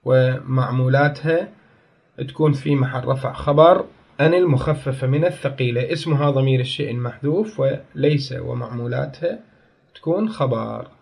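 A man's voice: mid-range voice, normal speed, creaky, a little mellow, husky. A man teaching a grammar lesson. He explains step by step, asks questions and answers them himself, and tells his students to pay attention and write things down.

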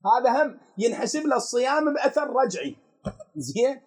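A man's voice: extremely high pitch, expressive, a little fast, husky. A man with an Iraqi accent teaching a religious law lesson, who poses questions to his students and answers them himself. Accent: Iraqi Arabic.

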